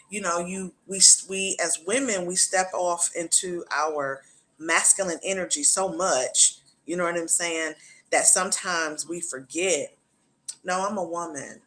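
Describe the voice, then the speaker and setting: With a lowish voice and sharp tone, a middle-aged host keeps her talk show chat casual. She speaks earnestly and repeats herself, regularly asking the listener "you know what I'm saying."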